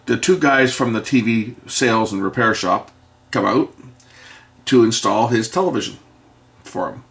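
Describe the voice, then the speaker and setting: A middle-aged man tells a casual, rambling story with wry humour as he tinkers at his bench. He drops into quieter muttered asides about the repair now and then. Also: on the low side. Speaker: video maker and electronics tinkerer. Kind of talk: casual anecdote told while repairing.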